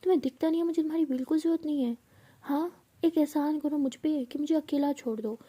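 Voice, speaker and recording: A woman's voice: high-pitched, little pitch movement, quick pace, dark tone. Woman voicing a bitter, lonely college girl. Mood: shouting angrily. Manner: bitter, self-pitying. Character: young college woman, hurt, lonely, lashing out.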